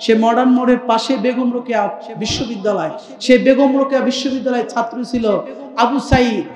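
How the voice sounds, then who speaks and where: A young man from Rangpur preaching a fiery sermon, with a sing-song chanting cadence that climbs into shouts and calls on the crowd to answer him. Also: very high-pitched, steady tone, fast, reverberant. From Rangpur, Bangladesh. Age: young adult. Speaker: Islamic preacher. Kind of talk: fiery sermon at a religious gathering.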